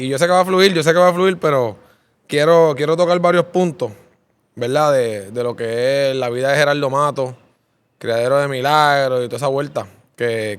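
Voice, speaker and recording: A man's voice: mid-range voice, brisk, clear, resonant tone. A man hosting a casual interview, upbeat and often tagging his sentences with a questioning filler. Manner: upbeat, repeats "¿verdad?" as a filler. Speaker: interviewer host.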